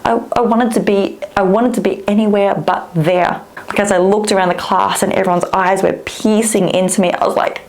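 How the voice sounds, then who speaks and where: A Vietnamese-native woman coaches speaking straight to the camera, upbeat and expressive in a chatty style. She keeps a moderate pace, her voice pitched in a woman's middle range.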